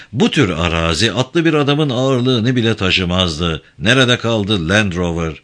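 A man reading a novel aloud in a dramatic, measured audiobook narration. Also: lowish voice, fairly bright tone.

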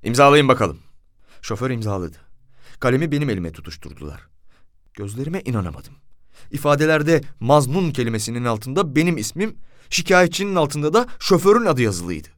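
A man narrating a first-person story in a wry, lively telling. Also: mid-range voice, a little fast, dry recording, studio quality.

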